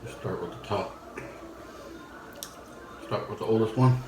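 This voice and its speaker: Low-voiced man chatting, echoey noisy room. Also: a little slow. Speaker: host's husband, co-answering questions. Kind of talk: casual chat. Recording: roomy echo, clear background noise.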